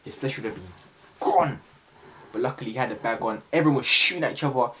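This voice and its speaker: A man's voice: medium pitch, fast talker. A young man telling a story to camera in a casual, slangy way. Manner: animated, slangy, bursts of shouted sound effects.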